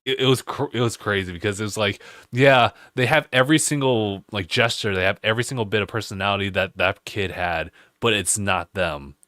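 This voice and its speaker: Low-pitched man, laid-back podcast co-host, dry recording. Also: sharp tone, no echo. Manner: measured, explaining with pauses and fillers. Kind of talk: casual chat.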